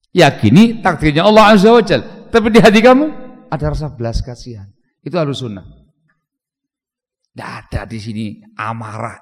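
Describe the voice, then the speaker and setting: Preacher man with lively swings, hall echo. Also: mid-range voice. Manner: lively storytelling, swings between loud and hushed. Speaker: Islamic preacher. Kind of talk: sermon. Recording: long hall reverb.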